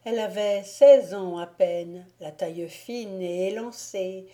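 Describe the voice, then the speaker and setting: A woman narrating a classic novel as an audiobook reader, in a measured storytelling manner. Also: medium pitch, mellow.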